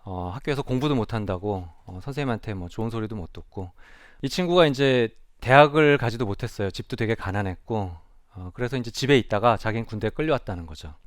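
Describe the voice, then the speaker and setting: A man's voice: lowish voice, expressive, quick pace, dry recording, clean studio sound. A man who is a child and adolescent psychiatrist, giving a reflective, earnest public talk on stage and asking the audience questions. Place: stage before a live audience.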